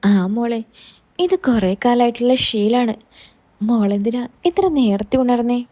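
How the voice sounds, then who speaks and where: A woman voicing a grieving, gentle widowed father-in-law, in a soft, tender, pleading manner. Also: on the high side, measured pace.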